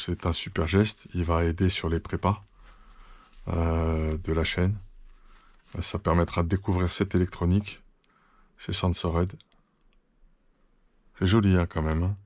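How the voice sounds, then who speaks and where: Man host, deep flat gravelly voice, chatty thankful unboxing talk. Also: slow, long pauses, no echo. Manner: chatty, thankful, many fillers and restarts. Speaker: RC hobby channel host. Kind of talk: casual unboxing chat.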